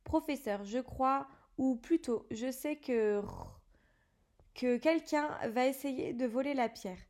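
A woman's voice: high-pitched, slow, a little mellow. A woman voicing an earnest young schoolboy wizard who presses his questions urgently.

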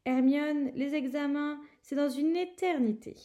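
Woman playing a young wizard boy, talkative and emphatic, high and soft-toned, storybook read-aloud. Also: measured pace. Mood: boyish.

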